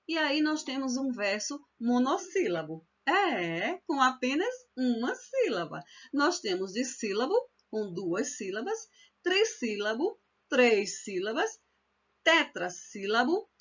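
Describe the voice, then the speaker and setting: Lively Northeastern Brazilian woman teaching verse. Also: fairly high pitch, muffled recording. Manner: explanatory, repeats examples slowly, frequent "né?" and "olha só". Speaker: cordel literature workshop teacher. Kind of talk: online workshop lesson.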